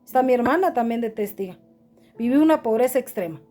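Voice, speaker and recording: A woman's voice: on the high side, expressive, fast talker, dark tone, faint music behind. A middle-aged woman pastor, preaching earnestly and calling her listeners brother. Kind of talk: sermon.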